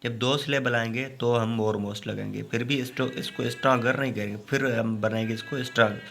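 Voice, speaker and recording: Man, grammar teacher, mid-pitched voice, explains step by step, reads examples slowly. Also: steady tone, gravelly, a bit bright. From Pakistan. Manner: explains step by step, often adds a checking "okay". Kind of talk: classroom grammar lesson.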